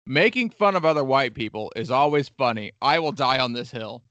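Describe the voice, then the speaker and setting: A man's voice: medium pitch, lively intonation, a little fast, a bit bright, dry recording, lo-fi sound. A man hosting a casual history podcast, telling the story with crude jokes and lots of swearing. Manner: crude, joking, swears often. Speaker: podcast host.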